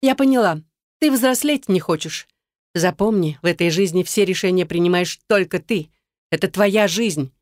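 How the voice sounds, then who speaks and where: A woman reading an audiobook voices a pushy, scornful young woman who bosses and mocks her friend, raising her voice higher for the part. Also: moderate pace, darkish tone, no echo, studio quality, natural voice. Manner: bossy, mocking, then coaxing.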